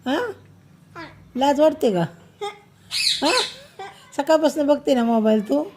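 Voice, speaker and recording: A woman's voice: sits high, takes it slowly, darkish tone, slight background noise. A mother scolding her child at home, firm and repeating her questions over and over.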